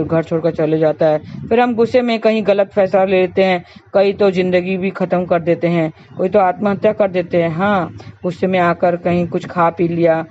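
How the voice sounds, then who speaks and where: A woman's voice: lowish voice, darkish tone, slight background noise. A woman telling a moral story in a preachy, repetitive way and addressing listeners as friends, in a slightly dull recording. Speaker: astrologer and storyteller.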